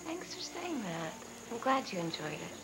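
A young actress playing an insecure wife in a TV soap, speaking quietly and wistfully. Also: female voice, medium pitch, big pitch swings, normal speed, creaky, noisy background. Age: young adult. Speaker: soap opera character Trisha. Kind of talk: 1990s TV soap acting. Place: indoor studio set, dining room. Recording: soap soundtrack with music underneath.

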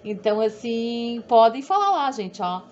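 Middle-aged woman with a southern Brazilian accent, a sewing instructor who chats and rambles, voice a touch high, muffled recording. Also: very animated, measured pace, a little mellow. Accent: southern Brazilian Portuguese. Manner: rambling, repetitive, self-deprecating. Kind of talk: chatty sewing tutorial. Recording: dull audio with faint background hum.

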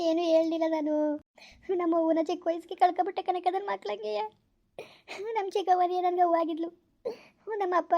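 A woman's voice: very high-pitched, darkish tone. A woman voicing the grieving spirit of a dead village mother in a skit, lamenting and tearful. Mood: wistful. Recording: dull lo-fi recording.

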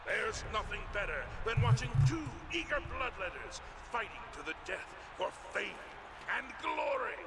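High, booming fighting game arena announcer. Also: male voice, sing-song. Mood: grandiose, rousing. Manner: grandiose, projecting, drawn-out proclamations. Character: grand, bombastic male arena announcer hyping gladiator fights. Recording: loud game ambience and noise behind.

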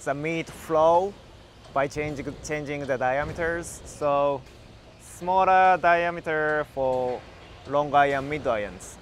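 A man from the factory staff explaining slowly and haltingly on a factory floor, wearing a lapel mic. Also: fairly high pitch, slight background noise. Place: factory in Japan, indoors.

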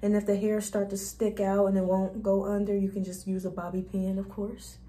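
A woman's voice: mid-range voice, monotone, normal speed, warm tone, slight background noise. A young woman vlogger talking viewers through a hair tutorial in a casual, chatty, informal way. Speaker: beauty vlogger.

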